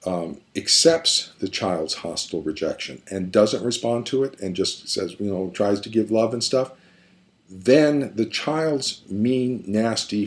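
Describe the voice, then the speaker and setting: A man working as a therapist who explains family dynamics in a conversational, animated way and sometimes acts out the people he describes. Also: on the low side. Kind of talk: explanatory talk.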